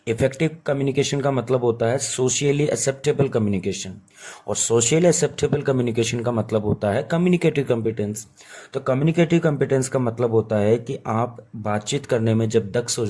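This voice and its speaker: A man who is unwell teaching an exam prep lesson in Hindi, slowly reading English terms aloud and repeating key points. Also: medium pitch, warm tone. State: unwell, voice sounds off.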